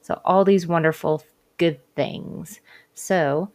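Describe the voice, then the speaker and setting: A woman hosting a casual spiritual talk and tarot reading, speaking in a gently encouraging, hesitant, informal way. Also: on the low side, steady tone, slow. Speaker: podcast host and tarot reader. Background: cards being shuffled at times.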